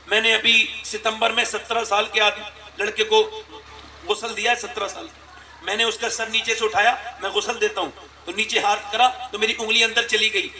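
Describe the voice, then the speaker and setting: High-pitched man preaching in an echoey hall. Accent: Indian Urdu. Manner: emotional, rising to loud cries and dropping to near murmurs. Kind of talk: impassioned religious speech. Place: large gathering at a religious event. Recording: echoey hall heard from a distance.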